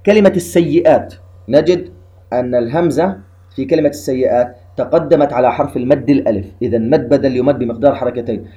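A man teaching a lesson on recitation rules, explaining each step slowly and chanting the verses he cites. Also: mid-range voice, mellow, dull audio.

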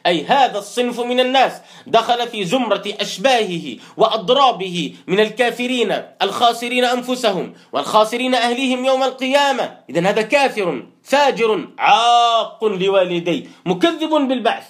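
A man teaches Quran commentary. He stretches out each recited verse slowly, then explains it in quicker plain speech. He turns to his listeners often with earnest, direct exhortation. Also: very high voice, lively intonation, fairly bright tone.

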